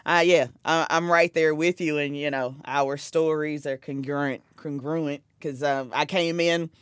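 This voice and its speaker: A podcast host from South Carolina speaks with a Southern accent in a low, fairly even, unhurried voice, chatting casually and enthusiastically while laughing often and restarting sentences. She's in a small dark studio with couches, using a stand-mounted studio mic for clean, studio-quality sound with no room echo.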